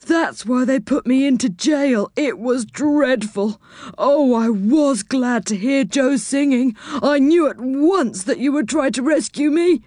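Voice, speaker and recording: Brief: woman doing a high, sheepish storybook tinker, rambling, dry close recording. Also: measured pace, mellow, no room sound. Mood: apologetic. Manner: apologetic, rambling. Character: sorry, simple-hearted male tinker figure.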